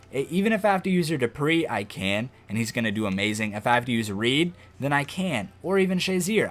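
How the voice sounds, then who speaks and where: A man giving casual commentary as he plays a football video game, breaking into excited, loud outbursts at the plays. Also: mid-range voice. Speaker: gaming video host.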